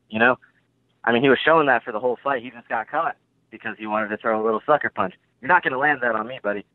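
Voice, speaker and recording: An eighteen-year-old fighter, medium-pitched, brashly makes boastful guarantees as a guest in a phone interview. The tinny phone line sounds dry, with no echo.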